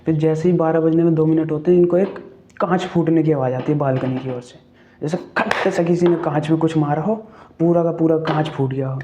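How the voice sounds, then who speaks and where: A man's voice: on the high side, steady tone, fairly quick, warm tone, slight background noise. A man casually retelling a ghost story, chatty, checking in with the listener and asking questions as he goes.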